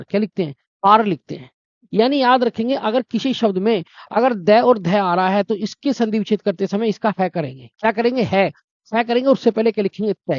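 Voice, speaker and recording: Guy teaching a grammar lesson, high voice, keeps asking "what happens, friends?", dead dry sound. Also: darkish tone, no echo, highs cut off. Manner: repeats key points and quizzes the listener, "friends". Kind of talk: explaining a lesson.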